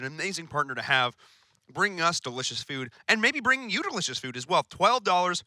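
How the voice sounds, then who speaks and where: Young man, esports caster, lively pitch, very bright tense tone, excitable. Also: no echo. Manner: animated, excitable. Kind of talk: esports commentary and sponsor read.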